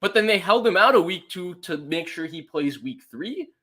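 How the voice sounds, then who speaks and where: A man's voice: sits high, animated, moderate pace, bright, forceful tone. A man hosting a sports podcast in casual chat, observant and talkative, with frequent "like" fillers. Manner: chatty and observant, many fillers like "like". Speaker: podcast host.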